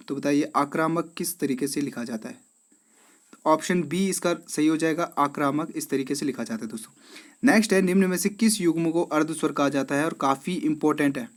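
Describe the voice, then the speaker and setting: A male teacher with an Uttarakhand accent and a voice that sits a little high for a man. He talks his viewers through quiz answers, calls them friends and keeps asking if they follow. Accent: Uttarakhand Hindi. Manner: addresses viewers as friends, repeats "theek hai". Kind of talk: exam quiz walkthrough.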